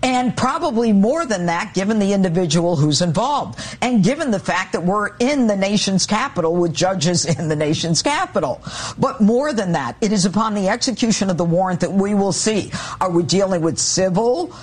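Husky, firm woman prosecutor. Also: mid-range voice, lively intonation. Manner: firm, measured, legal phrasing. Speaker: prosecutor interviewed as a guest. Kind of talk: news interview.

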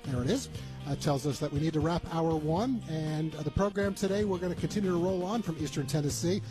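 A man hosting a radio travel talk show, talking in an upbeat, chatty way with plenty of fillers. His voice sits a bit high. Clear music plays behind him. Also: fast, low-quality recording.

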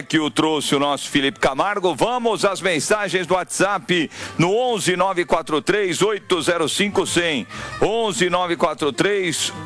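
A man hosting a live radio sports show, brisk and chatty, reading out listener messages. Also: sits high, a bit bright.

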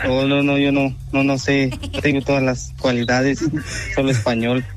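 A man's voice: mid-range voice, monotone, moderate pace, soft background music. A Guatemalan man in his twenties on a phone call, answering in short, hesitant replies. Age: 20s. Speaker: prank call target.

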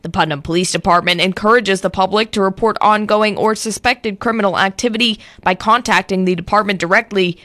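A woman reading the local news and weather on the radio in a smooth, polished broadcast delivery from a script. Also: medium pitch, a little fast, few pauses, dry recording. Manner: polished, even-paced read from script.

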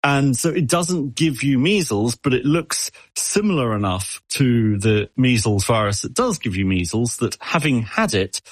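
A man's voice: medium pitch, lively intonation, unhurried, hardly any pauses, breathy edge, dry recording. A man answering an interviewer as an expert, explaining with analogies and often stumbling over repeated words. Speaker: expert guest.

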